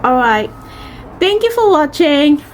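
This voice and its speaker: Talking casually to her camera, this Central African vlogger of Congolese and Cameroonian background is effusive and emphatic, frequently repeating words for emphasis. Her voice sits high and is very animated, yet slow, with soft music playing behind her.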